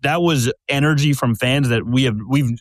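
A man's voice: medium pitch, normal speed, no echo. A man hosting a podcast, steadily laying out questions and scenarios in casual sports chat. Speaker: podcast host.

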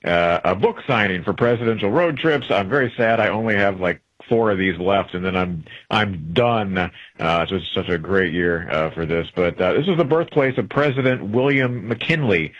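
A man's voice: lowish voice, normal speed, fairly bright tone, dull audio. A man who is a traveling correspondent, chatting casually and rambling with many fillers and restarts, heard through an AM radio broadcast. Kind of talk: casual call-in chat on a radio talk show.

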